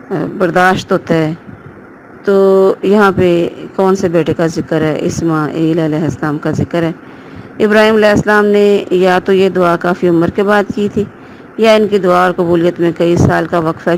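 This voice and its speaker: A woman's voice: lowish voice, a little mellow, slight background noise, rough recording. A woman giving a word-by-word translation and tafsir lesson, reading each Arabic phrase and then glossing it. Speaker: Quran teacher.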